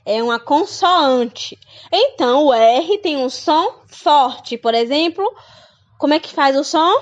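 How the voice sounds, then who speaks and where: A woman's voice: high-pitched, expressive, takes it slowly, lo-fi sound. A woman teacher giving a children's phonics lesson, patiently repeating example words and asking her pupils questions. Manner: asks pupils questions, calls them dear.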